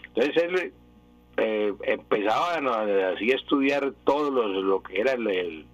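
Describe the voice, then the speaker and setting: A man's voice: on the low side, lively intonation, a little slow, no room sound, dull audio. A man, a language expert answering listeners' questions on a radio show, explaining at length and drifting into anecdotes. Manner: digressive, anecdotal.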